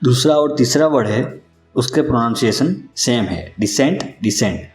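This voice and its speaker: A man giving a scripted vocabulary lesson, spelling out each word slowly and carefully, letter by letter. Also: medium pitch, lively intonation, a little mellow. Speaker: English vocabulary teacher. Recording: echoey room with faint music underneath.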